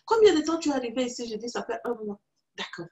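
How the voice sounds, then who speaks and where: A woman's voice: on the high side, fast talker. A woman from Africa telling her own story as a preacher, acting out the dialogue of the people in it. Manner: animated storytelling, acts out dialogue with others in the story. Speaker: preacher and teacher. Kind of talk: testimony in a teaching video.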